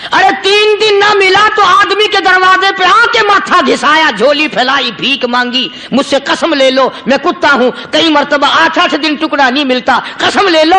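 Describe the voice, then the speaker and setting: A man's voice: very high-pitched, pushed and bright, a little hiss or hum, full character voice. A man preaching a sermon voices a loyal male talking dog that reproaches a holy man in an indignant, pleading way.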